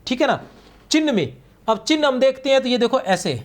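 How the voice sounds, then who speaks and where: A man's voice: very high-pitched, very animated, fairly quick. A man teaching a grammar class for exam prep. He explains patiently, checks in with his students often, and draws out key words as he writes on the board. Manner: patient, repetitive explaining, frequent "theek hai na" checks.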